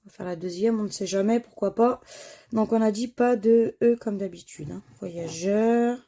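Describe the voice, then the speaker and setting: A woman's voice: mid-range voice, normal speed, warm tone. A woman commenting casually as she scratches lottery crossword tickets, reading out words and letters one by one and sighing when they miss. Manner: reads out words and letters one by one, sighs at misses. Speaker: scratch card vlogger.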